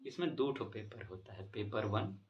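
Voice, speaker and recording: A man's voice: on the low side, animated, moderate pace, a little mellow, muffled recording, a little hiss or hum. A man with a Bihari accent explaining an exam in a chatty, folksy way, often asking the listener questions. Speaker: exam coaching presenter. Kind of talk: casual explainer lesson.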